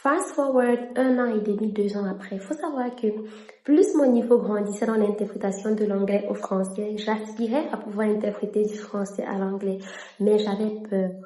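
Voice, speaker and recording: A young Cameroonian woman whose first language is French tells her story to the camera in a casual vlog, switching into English partway through a sentence. Her voice is mid-range and mellow, with fairly even intonation and a moderate pace. She works as a vlogger and interpreter, and the room she records in is echoey.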